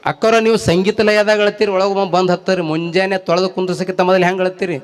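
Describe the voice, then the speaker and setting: A man with a North Karnataka Kannada accent doing folk stand-up comedy, telling lively rhyming anecdotes to his audience. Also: sits high, quick pace, a crowd in the background, noisy background. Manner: lively storytelling, rhyming wordplay, jumps into quoted voices; talks straight to a laughing audience. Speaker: stage comedian.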